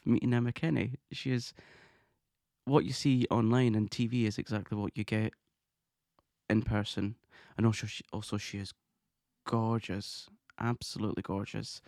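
A man hosting his own podcast, talking in a chatty, excitable way and laughing often. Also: lowish voice, vocal fry, dry recording, clean studio sound. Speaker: podcast host. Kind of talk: casual monologue podcast.

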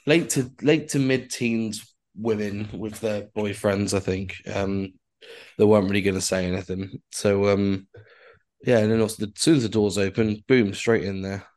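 A man's voice: lowish voice, fairly even intonation, moderate pace, darkish tone. A man telling a rambling story in casual podcast chat, full of fillers and swearing. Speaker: podcast co-host.

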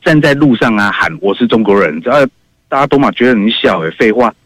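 A man calling in to a radio talk show, answering in a halting way with many fillers. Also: medium pitch, animated, a bit bright, no echo. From Taiwan. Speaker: caller.

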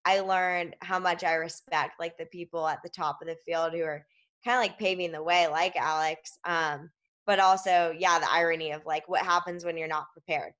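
A woman's voice: on the low side, fairly even intonation, moderate pace, fairly bright tone. A woman climber telling stories in casual conversation, chatty and filling her speech with "like".

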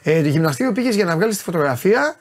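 A man's voice: sits high, sing-song. A man hosting a sports talk show in casual studio banter, teasing and sarcastic with his co-host.

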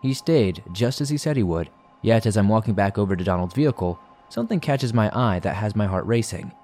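A man narrating a scary story for a podcast in a measured, wry way. His voice is a little low and mellow, with faint music underneath. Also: animated. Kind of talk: scripted horror story narration.

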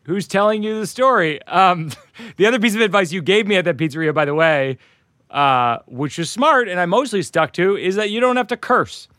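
Higher-voiced man reminiscing, dry sound. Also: expressive, normal speed, sharp tone, dry recording. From Massachusetts. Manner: reminiscing, laughs often. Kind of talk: casual conversation.

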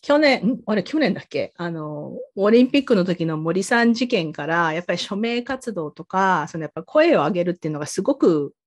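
A woman's voice: on the low side, animated, fairly quick, hardly any pauses. A woman hosting a casual podcast chat, talkative with many asides and encouraging nods. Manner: chatty, frequent back-channel nods, rambling asides. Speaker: podcast host.

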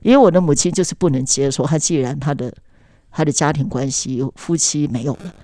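A woman's voice: sits low, a little fast, warm tone, no echo, clean studio sound. An adult woman talking casually on a podcast, recounting personal memories in an earnest, reflective way.

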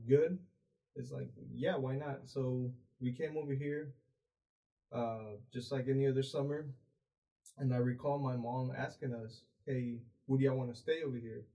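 Speaking in a warm, medium-pitched voice, a young podcast guest who grew up in Mexico rambles through a casual interview chat, full of fillers and restarts. The recording is low quality.

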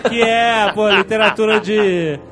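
A man's voice: high voice, fairly even intonation, measured pace, a bit bright, soft background music. A Brazilian man hosting a casual podcast chat with slangy, teasing banter. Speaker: podcast host.

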